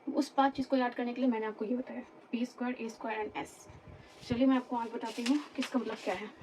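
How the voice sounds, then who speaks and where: Distant, high-pitched woman teaching a lesson. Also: steady tone, quick pace, a little mellow, a little hiss or hum. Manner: explains patiently, repeats terms and checks "ठीक है?". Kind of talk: classroom lecture.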